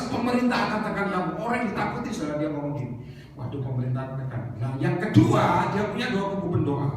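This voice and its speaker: A man preaching a sermon, telling stories lively and acting out the voices of the people in them. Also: on the high side, slight background noise. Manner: lively storytelling, acting out voices, joking with the congregation. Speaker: evangelist preacher. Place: church hall. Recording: roomy hall echo, heard from a distance.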